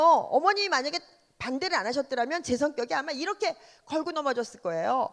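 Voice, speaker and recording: Lively woman preaching in a reverberant hall. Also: high voice. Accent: Korean Chungcheong dialect. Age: middle-aged. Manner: lively, quizzes the congregation with questions. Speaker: pastor's wife, revival speaker. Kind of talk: revival sermon in a church. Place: large church sanctuary.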